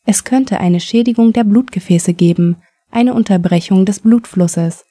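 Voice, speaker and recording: A woman reading a calm male surgeon. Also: mid-range voice, unhurried, dry recording, close to an everyday voice.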